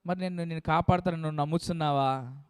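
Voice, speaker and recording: A preacher voicing God, calm and questioning. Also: male voice, fairly high pitch, fast talker, clear, resonant tone, dry recording, studio quality, voice pushed down, close to an everyday voice. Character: God speaking calmly to a desperate man.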